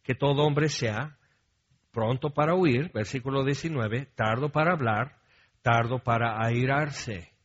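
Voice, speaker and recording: A man's voice: medium pitch, unhurried, a bit bright, breathy edge, dull audio. A man with a Mexican Spanish accent preaching a sermon in a conversational way, often checking in with the congregation and telling humorous stories with asides. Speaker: pastor.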